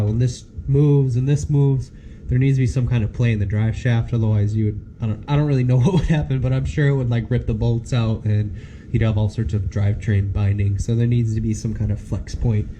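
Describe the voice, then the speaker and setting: A man with a nasal voice, stuffy from being sick, talks through his garage project in a casual, step-by-step way. His tone is mellow and relaxed, with faint noise behind him in a home workshop shed. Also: medium pitch, moderate pace. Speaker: host. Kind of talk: casual DIY car-build vlog.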